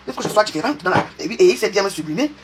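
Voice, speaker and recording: A woman in her fifties rattles off a chatty, teasing live-stream rant at a brisk clip, calling out viewers by name. Her voice sits at an ordinary middle pitch. The audio is noisy, with a steady hiss underneath her words. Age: 50s. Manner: chatty, rambling, teasing, addresses viewers directly. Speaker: social media live streamer.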